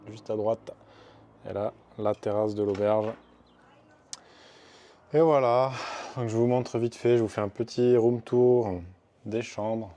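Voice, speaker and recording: A man's voice: mid-range voice, dark tone, slight background noise. A man talking casually to camera in a travel vlog, upbeat and thinking aloud as he walks around town and eats on a terrace. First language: French. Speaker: vlogger. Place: outdoors in a small town, street and terrace.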